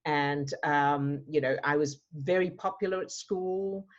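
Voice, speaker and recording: A woman's voice: low voice, measured pace. A woman from South Africa, a mindset coach, answering questions in a workshop and explaining with repeated words as she thinks. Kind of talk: teaching a workshop Q&A. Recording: dull lo-fi audio.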